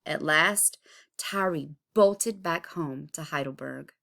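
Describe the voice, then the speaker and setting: A woman with a low, creaky, slightly bright voice reads a children's picture book aloud. Her storybook reading is expressive, with deliberate, dramatic emphasis.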